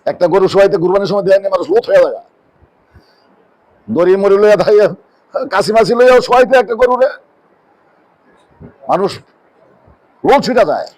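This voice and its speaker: A man preaching a sermon in a mosque. He asks rhetorical questions and answers them himself, and drops his voice low on key words. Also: moderate pace, long pauses, a little mellow, poor audio. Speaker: Islamic preacher.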